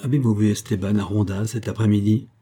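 A fervent, proud young woman in an audiobook, pressing and earnest, her lines sometimes lifting higher when she pleads, as a man with a low, husky reading voice puts her on. The tone stays dark and warm. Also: fairly even intonation, fast talker.

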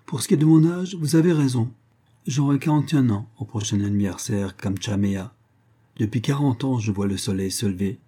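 A man reading the part of a composed, teasing woman of forty who speaks in calm, sententious phrases. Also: medium pitch, natural voice.

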